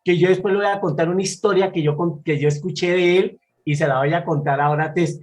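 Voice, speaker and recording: Animated Colombian storyteller man from Bogotá. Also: on the high side, fast talker, rough recording. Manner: animated, expressive, with frequent restarts. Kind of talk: casual interview talk.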